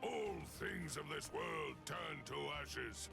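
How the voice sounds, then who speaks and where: An actor voicing a grumpy, stern old male commander in an anime game, with a gravelly voice. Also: a little high, expressive, slow pace, heavily acted. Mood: stern, menacing. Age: older. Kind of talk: anime game cutscene acting. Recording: loud music under the voice.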